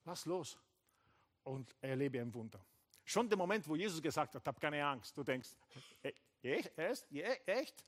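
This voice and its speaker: A male pastor delivers a lively sermon with a somewhat high-pitched voice. He swings between loud, excited emphasis and quieter, intimate moments. He acts out brief exchanges and slips English phrases into his German. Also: a little slow. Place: church hall.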